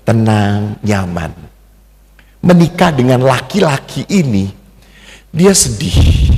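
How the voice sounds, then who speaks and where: Gravelly priest preaching slow in an echoey hall, acts out his stories, voice a bit high. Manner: lively storytelling, acts out quoted voices. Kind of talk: seminar sermon with anecdotes.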